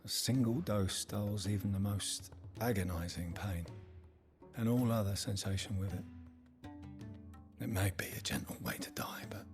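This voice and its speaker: A man playing a solemn gravelly physician. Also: on the low side, moderate pace, lightly acted. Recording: game audio with music behind.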